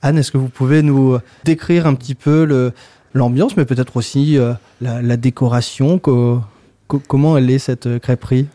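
A man hosting a radio interview, introducing guests and asking halting questions with many fillers. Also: medium pitch, fairly even intonation, mellow, no room sound. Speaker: radio host.

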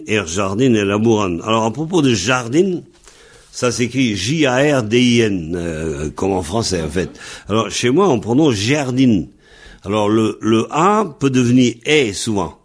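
A man teaching Breton on a radio lesson, patiently repeating and spelling out word forms. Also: fairly low pitch.

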